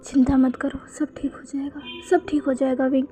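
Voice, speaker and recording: A woman doing a gentle, soothing elder sister. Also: sits high, flat delivery, a little fast, soft background music, natural voice. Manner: soft soothing reassurance.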